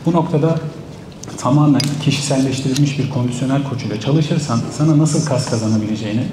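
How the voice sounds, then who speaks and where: A man's voice: medium pitch, quick pace, background noise. A thirty-year-old man, a bodybuilder on a stage panel, answering fan questions directly and confidently, a bit combative. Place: large hall stage with live audience. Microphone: handheld mic. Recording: echoey hall.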